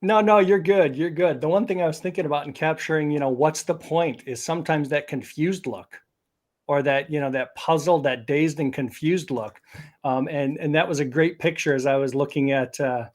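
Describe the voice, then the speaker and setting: A man's voice: fairly high pitch, normal speed. A man hosting a live online interview, presenting in an upbeat, promotional way over a video call. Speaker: host.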